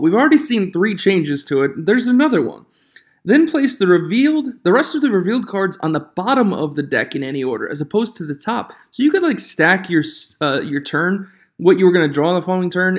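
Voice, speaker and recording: A slightly high-voiced man talks to his viewers from an echoey room, his sound bouncing off the walls and picked up on an unfamiliar mic. He reads out rule text and then reacts to it, growing more worked up as he goes. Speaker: channel host. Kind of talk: casual commentary reviewing game rule changes. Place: echoey room away from his usual studio. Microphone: a different microphone from usual.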